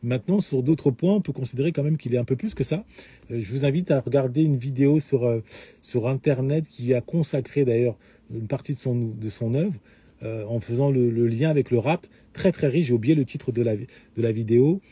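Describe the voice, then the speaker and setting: Guy lecturing his followers, lots of uhs and restarts, really dark muffled voice. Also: medium pitch, fairly quick, breathy edge. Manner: hesitant, many fillers and restarts, lecturing tone. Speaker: host of a live talk answering questions. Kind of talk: unscripted lecture-style talk.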